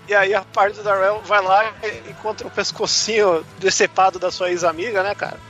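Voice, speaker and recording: A man's voice: high-pitched, little pitch movement, moderate pace, fairly bright tone, muffled recording, faint music behind. A man in casual podcast chat, wryly mocking a horror film's silly details. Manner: wry, mocking, ends phrases with "né, cara". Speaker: podcast co-host. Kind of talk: casual film recap chat.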